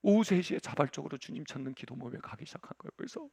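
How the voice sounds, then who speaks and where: A pastor in his forties preaching a sermon, telling a story dramatically, swinging from loud outbursts to hushed asides and crying out in prayer. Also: on the high side, lively intonation, very fast, slightly rough. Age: 40s. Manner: acts out quoted voices and cries out in prayer.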